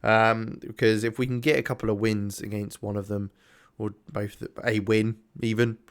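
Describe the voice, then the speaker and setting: A man's voice: lowish voice, flat delivery, normal speed, clean tone. Rambling man playing a game. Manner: rambling, self-chatting, thinks aloud with many ums. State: yawning and tired. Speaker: gaming YouTuber. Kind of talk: casual let's-play commentary.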